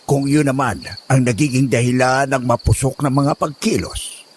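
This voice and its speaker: An actor playing a stern, worried old village healer who scolds emphatically, in an audio drama. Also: male voice, medium pitch, steady tone, normal speed, a little hiss or hum, natural voice. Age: older. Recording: crickets and night ambience behind.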